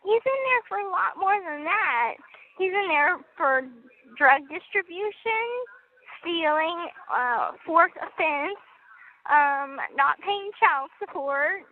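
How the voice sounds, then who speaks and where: A young incarcerated woman makes a casual phone call from prison, giggling and filling her speech with "um" and "like." She speaks slowly in a very high-pitched, expressive voice, and the line sounds tinny with faint noise.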